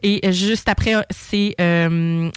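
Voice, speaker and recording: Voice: medium pitch, steady tone, slow pace, clear, resonant tone, no room sound, clean studio sound. A radio co-host with a Québécois French accent, talking in casual chat with many hesitations.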